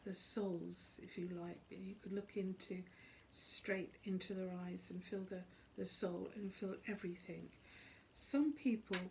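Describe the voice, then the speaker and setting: A middle-aged or older woman with a dark, mellow voice at an average pitch gives an unscripted monologue. She is earnest and emphatic, choosing phrases deliberately and repeating them for weight. There is faint noise behind her voice. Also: vocal fry. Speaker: psychic. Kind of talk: unscripted spoken monologue on spiritual life.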